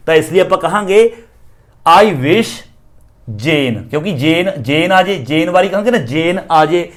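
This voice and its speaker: A man explaining an English grammar exercise, reading the example sentences slowly and then explaining them. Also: a little high.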